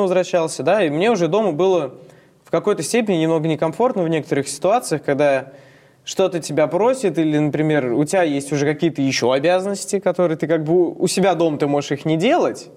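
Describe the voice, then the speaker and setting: Quick-talking young man guest. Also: a little high, darkish tone. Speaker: panel guest. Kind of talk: casual discussion.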